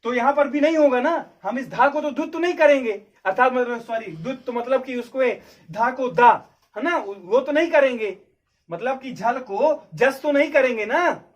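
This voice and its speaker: A man teaching Sanskrit grammar at a board, repeating each point and asking his students whether it is clear. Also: extremely high pitch, moderate pace. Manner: repeats key points and checks understanding, asking questions aloud. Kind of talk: explaining at a board.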